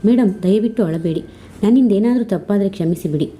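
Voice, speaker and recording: A woman's voice: medium pitch, fairly quick, mellow, lightly acted. A woman voicing a shy, nervous young man who talks hesitantly and apologetically. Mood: anxious.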